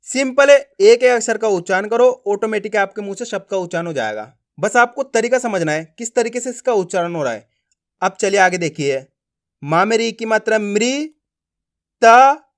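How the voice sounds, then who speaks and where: A man teaching beginners to read, speaking with friendly classroom prompts and slow, drawn-out syllables. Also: sits high. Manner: slow drilled pronunciation, repeated prompts to learners. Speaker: Hindi reading teacher. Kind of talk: classroom-style lesson.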